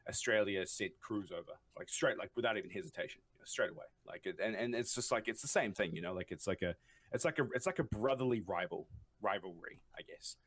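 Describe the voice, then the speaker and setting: A man from New Zealand, speaking with his native accent, joins a podcast as a guest for a relaxed chat. His voice is lowish yet fairly bright, quick and lively in intonation, and he rambles with frequent restarts and bursts of laughter.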